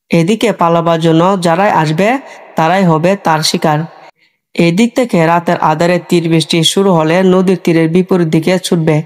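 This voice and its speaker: A man giving scripted history narration as a storyteller, in a steady storytelling delivery. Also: a little high.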